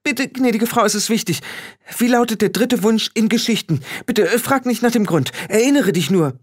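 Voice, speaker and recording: A man voicing a frantic young witch girl in an audiobook, pleading and firing off rushed questions. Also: high voice, expressive, pitched above the performer's own voice. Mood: urgent. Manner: breathless pleading rush of questions. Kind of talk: audiobook character voice.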